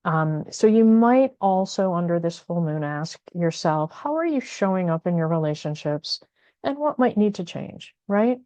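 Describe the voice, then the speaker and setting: A woman's voice: fairly low pitch, lively intonation, moderate pace, warm tone, no room sound, muffled recording. A woman hosting an astrology video, talking casually and thoughtfully with many fillers and restarts. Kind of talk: casual spoken astrology guidance.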